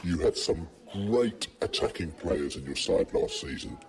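A man asking a guest measured questions on a football podcast. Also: deep voice, wildly swooping pitch, noisy background. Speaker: podcast interviewer.

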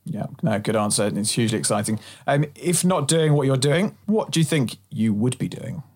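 A man's voice: mid-range voice, lively intonation, normal speed, darkish tone, husky. A man chatting casually and informally as a podcast co-host, given to banter. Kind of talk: casual chat.

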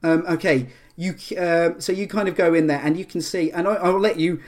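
A man running a tabletop game as game master, his voice pitched a little above the usual. He narrates scenes haltingly, with plenty of fillers and restarts. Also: fairly even intonation.

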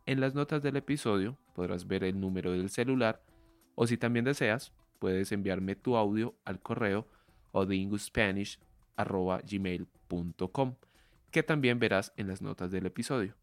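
Deep-voiced Colombian man teaching Spanish. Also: no echo, faint music behind. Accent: Colombian Spanish from Medellín. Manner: clear, measured teacher's delivery addressing the listener directly. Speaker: Spanish teacher and podcast host. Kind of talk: podcast monologue for language learners.

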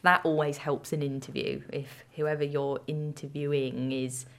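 A woman's voice: deep voice, little pitch movement, moderate pace. A woman guest on a podcast who works as a presenter, speaking thoughtfully with some hesitant ums. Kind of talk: casual podcast interview.

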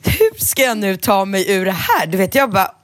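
Lively storytelling woman, dry close sound. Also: medium pitch, dry recording. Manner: lively anecdote teller who acts out children's voices. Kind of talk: casual chat, animated storytelling.

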